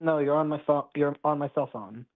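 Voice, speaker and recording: A man calling in on his cell phone on speaker, held away from him so he sounds distant and choppy, arguing in a halting, insistent way. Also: on the high side. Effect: phone on speaker, held away from the mouth, choppy line. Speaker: caller. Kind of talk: call-in debate. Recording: tinny, choppy speakerphone line.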